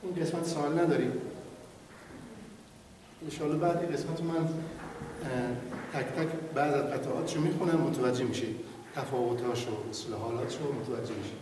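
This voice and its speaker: A man's voice: medium pitch, pauses often. A male teacher of Quran recitation giving a classroom lesson, explaining patiently and demonstrating sounds by drawing out vowels. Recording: echoey room, far from the mic, noisy.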